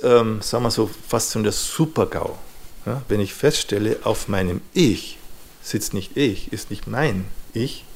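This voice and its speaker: A man with a somewhat low voice lectures an audience on psychology. He speaks thoughtfully, pausing to find his words and dropping small fillers as he goes. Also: creaky, a little mellow. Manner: thoughtful, searching for words, frequent "ja" and "ne".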